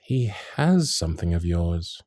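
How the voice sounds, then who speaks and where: Deep-voiced and unhurried, the actor's Victorian gentleman suitor sounds indignant yet thoughtful, his diction genteel and flirtatious, his intonation lively. The character is courtly, infatuated, protective and witty in this ASMR romantic period drama, recorded intimately dry on a close studio mic with no room sound.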